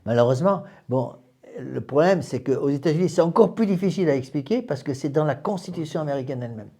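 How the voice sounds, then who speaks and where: A priest lecturing a small group, a man whose voice sits somewhat high yet sounds mellow and soft-edged. He presses his points hard, circling back on words and restarting his sentences as he goes. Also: animated, fast talker. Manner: emphatic, repeats words and restarts phrases. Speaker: priest giving a class.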